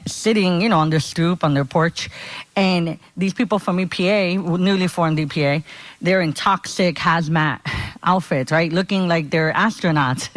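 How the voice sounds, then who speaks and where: A woman from Honduras with a low voice gives a conversational conference talk as a community organizer, often checking in with her listeners. The recording is dry.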